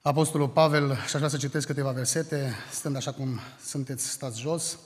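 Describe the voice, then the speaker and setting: A man from Romania preaching a funeral sermon, measured and building to emphasis when reading scripture, recorded in a church hall. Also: medium pitch, fairly even intonation. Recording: long hall reverb.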